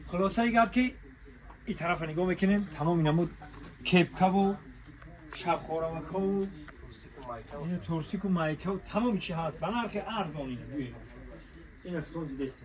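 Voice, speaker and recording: A higher-voiced Tajik man promotes clothing deals inside a large shop, hawking like a bazaar merchant with repeated calls to come, look and buy. His spontaneous walk-through patter pauses often, and the low-quality recording is crowded with busy background noise.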